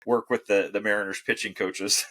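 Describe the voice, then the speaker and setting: A man's voice: fairly low pitch, little pitch movement, moderate pace, bright, forceful tone. A young man co-hosting a casual sports podcast, emphatic and profane when he gets worked up. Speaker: podcast co-host.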